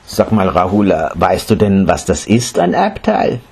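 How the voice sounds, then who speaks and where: A man voicing a calm, wise monk teacher who questions a child patiently in a storybook reading. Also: deep voice, measured pace, creaky, a little hiss or hum, heavily acted. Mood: gentle.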